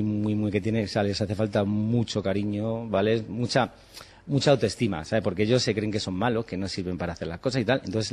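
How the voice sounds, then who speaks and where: Spanish chef guy in his 40s, talks fast and lively, lower voice, swears a lot. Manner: animated, swears casually, acts out dialogue. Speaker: chef and cooking teacher. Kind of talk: casual interview talk.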